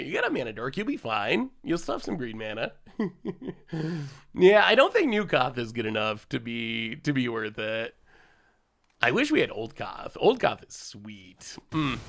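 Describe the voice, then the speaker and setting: Slightly stuffed up from a cold, a man plays a card game on a live stream and keeps up chatty commentary, laughing frequently and thanking subscribers in chat. He has a mid-range, fairly bright male voice.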